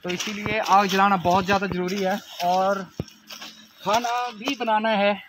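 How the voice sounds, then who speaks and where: A young camping vlogger walks through a forest at night, giving viewers casual tips while a companion films him on a handheld phone. His voice is high-pitched, flat and unhurried, with noise in the background.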